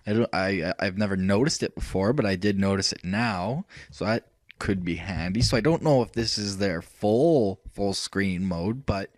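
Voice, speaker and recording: A man hosting a software tutorial, thinking aloud as he clicks through features, rambling with fillers and self-corrections. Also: lowish voice, dry recording. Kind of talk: casual screen-recorded software walkthrough.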